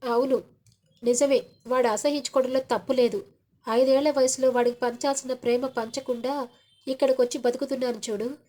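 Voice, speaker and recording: A woman's voice: high voice, steady tone, brisk, warm tone. A woman voicing a wounded, proud middle-aged father who speaks reproachfully and raises his voice in defiance. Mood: bitter.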